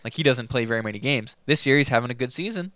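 A man's voice: mid-range voice, expressive, very fast, a bit bright, no echo, studio quality. A man co-hosting a casual fantasy hockey talk, giving player updates in a matter-of-fact way. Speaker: fantasy hockey podcast co-host. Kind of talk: casual chat.

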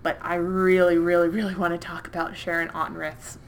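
A woman co-hosting a podcast, chatting enthusiastically with quick asides. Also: lowish voice, flat delivery, slight background noise. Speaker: podcast co-host. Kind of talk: casual chat.

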